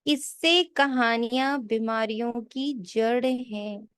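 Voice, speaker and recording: A woman spiritual teacher giving a sermon, slowly repeating key lines for emphasis and mixing in English phrases. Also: on the high side, fairly bright tone, smooth, no room sound, clean studio sound. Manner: mixes English phrases into her talk. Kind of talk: sermon explaining a daily scripture reading.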